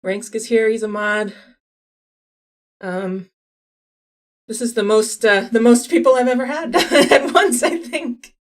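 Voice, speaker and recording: A woman's voice: fairly high pitch, slow, long pauses. A woman in her forties chatting casually with viewers on a live stream, laughing often and restarting her sentences. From California. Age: 40s. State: a little out of breath.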